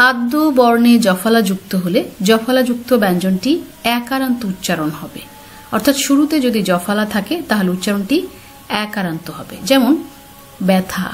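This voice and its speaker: Woman teacher, slide lesson, clear and patient, asks students questions, somewhat high voice, faint hiss. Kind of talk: slide-based pronunciation lesson.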